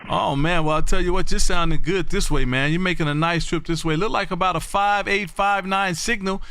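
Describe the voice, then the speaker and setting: High-pitched, bright man hosting ham radio. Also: steady tone, brisk, slight background noise. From Texas. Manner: folksy, exclamatory, repeats his phrases. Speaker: amateur radio operator and livestream host. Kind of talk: animated on-air ham radio chat.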